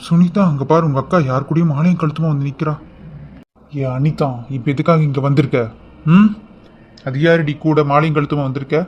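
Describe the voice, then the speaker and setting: A fatherly middle-aged uncle in a cartoon who gives quick orders, voiced by a man. He speaks rapidly in a fairly high voice. The audio is dull and lo-fi. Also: steady tone, darkish tone, slight background noise, natural voice. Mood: brisk. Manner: brisk, commanding. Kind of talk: cartoon voice acting.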